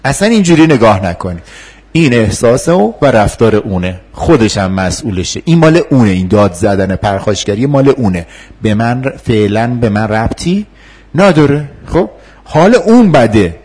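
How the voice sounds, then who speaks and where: A man's voice: medium pitch, big pitch swings, darkish tone, slightly rough. A man teaching a class in a conversational way, often laughing and acting out how to answer upset students. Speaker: instructor. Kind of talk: classroom lecture with role-play.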